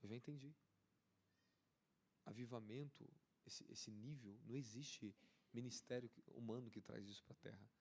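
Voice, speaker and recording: A man with a Brazilian Portuguese accent preaching a charismatic sermon as an apostle, fervent and repetitive, rising to excited peaks. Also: medium pitch, moderate pace.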